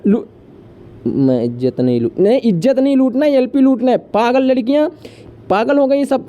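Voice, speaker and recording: A man runs a live online room in quick, teasing, rhyming patter, calling out numbers and welcoming members. His voice is dark and mellow. The stream audio sounds dull and lo-fi. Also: extremely high pitch. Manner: fast teasing patter, rhyming banter, shouts orders. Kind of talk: rapid live room hosting with rhymes.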